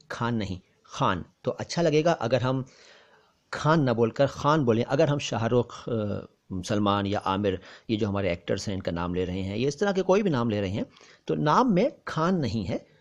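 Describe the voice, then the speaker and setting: Male language tutor, even-pitched, careful and repetitive, explanatory lesson delivery. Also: dull audio. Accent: Hindustani with careful Urdu pronunciation. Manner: careful, repeats words slowly for contrast. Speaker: language teacher.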